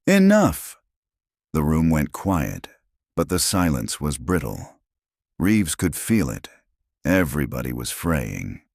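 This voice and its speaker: A man's voice: a bass voice, sing-song, unhurried, gravelly, husky, no echo, studio quality. A man giving dramatic, suspenseful scripted horror narration.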